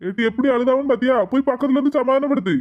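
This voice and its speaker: A woman's voice: high voice, rapid-fire, dull audio, close to an everyday voice. A woman voicing a bossy young husband, ordering his wife about. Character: bossy young village husband, mama's boy. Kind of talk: cartoon comedy voice acting.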